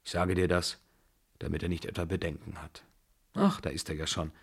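A man's voice: low-pitched, level tone, a little fast, creaky, breathy edge, pitched below the performer's own voice, exaggerated voice. A man voicing a weary old grandmother. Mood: tired, imperious. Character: old rich grandmother, imperious yet weary.

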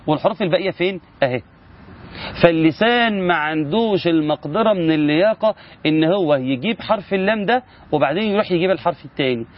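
A man with an Egyptian Arabic accent and a voice on the high side gives a casual spoken lesson on Quran recitation rules, posing rhetorical questions to his listeners. The audio sounds dull.

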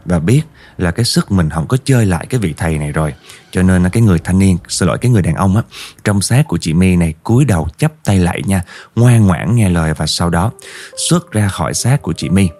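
A man's voice: low voice, lively intonation, fast talker, darkish tone. A man with a Southern Vietnamese accent narrating a ghost story vividly, speaking directly to his listeners. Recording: faint background music.

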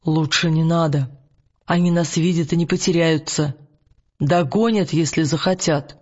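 A man voicing a quiet, cautious boy in an audiobook, speaking in a hushed manner. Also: a little high, fairly even intonation, a little slow, dull audio. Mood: wary. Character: boy Will, quiet, wary, serious.

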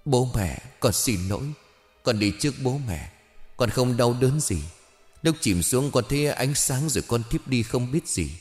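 The soft, innocent voice of a drowned boy's ghost, as a man puts him on in a spoken ghost story. It sits higher than a grown man's speech and is hushed, with a lively lilt. A faint music bed plays underneath. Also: unhurried, big-room sound, natural voice. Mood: tender farewell. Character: young boy's gentle ghost.

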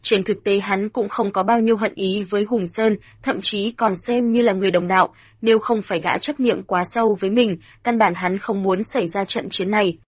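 Breathy woman narrating a storybook. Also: medium pitch, fairly even intonation, moderate pace, hardly any pauses, no echo. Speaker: audiobook narrator. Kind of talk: scripted narration. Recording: dull, dry lo-fi sound.

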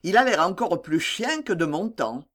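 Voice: medium pitch, expressive, normal speed, close to an everyday voice. A reader voicing a vain, boastful male singer and former factory worker in a classic audiobook novel, talking with a swagger.

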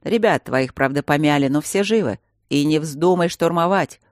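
A man voicing a menacing middle-aged rebel lord who barks threats in a loud, raised voice. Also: a little high, normal speed, no room sound, studio quality, close to an everyday voice. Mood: threatening. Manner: barking, threatening.

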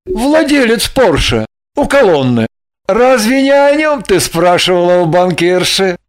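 A man's voice: high-pitched, sing-song, unhurried. A man voicing a sarcastic young stepson in an audiobook, sly and mocking. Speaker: audiobook character.

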